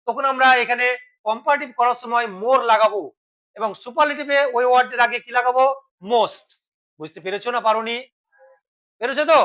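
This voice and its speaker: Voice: mid-range voice, pushed and bright, low-quality recording. A teacher giving a classroom grammar lesson, asking questions and then answering them, and spelling words letter by letter.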